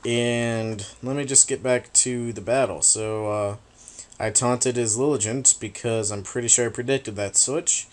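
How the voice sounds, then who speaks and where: Offering loose, meandering commentary on a video game fight, this man speaks in a mid-range voice at a measured pace with fairly even intonation. Casual swearing slips in, and long talking has left his voice raspy.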